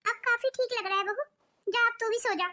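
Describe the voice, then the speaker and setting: A woman's voice: very high voice, a little fast, pushed and bright. A woman voicing a fussy old mother-in-law in a cartoon, insisting on waiting for her working daughter-in-law. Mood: insistent.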